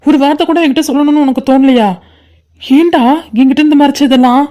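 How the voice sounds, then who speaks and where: A woman's voice: high voice, fairly even intonation, fast, dark tone, natural voice. A woman voicing a loyal young man in a cartoon, consoling his best friend and scolding him with affection. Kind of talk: cartoon voice acting.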